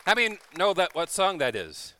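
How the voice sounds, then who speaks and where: A man with a high voice and huge pitch swings preaches at a moderate pace, bright and forceful, while some chatter can be heard behind him. He is a visiting church leader giving a folksy, informal sermon live in a church, complete with scripture reading, prayer, and frequent tag questions.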